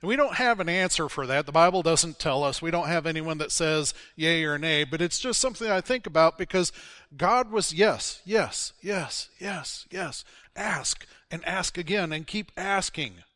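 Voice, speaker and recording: Man from Missouri, pastor, storytelling sermon; bright, slightly high voice, dry close sound. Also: normal speed, hardly any pauses, no room sound. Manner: storytelling, acting out biblical dialogue.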